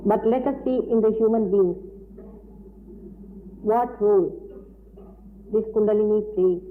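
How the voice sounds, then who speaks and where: A woman giving a deliberate, explanatory spiritual lecture, heard on an old tape recording. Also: medium pitch. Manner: deliberate, explanatory, with frequent pauses. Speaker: spiritual teacher. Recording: tinny old lecture tape with faint hiss.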